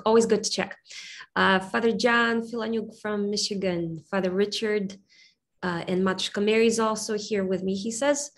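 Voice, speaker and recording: A woman's voice: medium pitch, vocal fry. Woman hosting a webinar while sick. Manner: halting, many fillers and restarts. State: recovering from covid, brain fog. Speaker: webinar host. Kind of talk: live webinar introduction.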